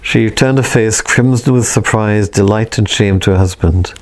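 A man reading a novel aloud in a quiet, measured, reflective way. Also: fairly low pitch.

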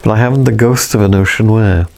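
A man's voice: lowish voice, quick pace, vocal fry, darkish tone. A man reading the lines of a polite, firm husband.

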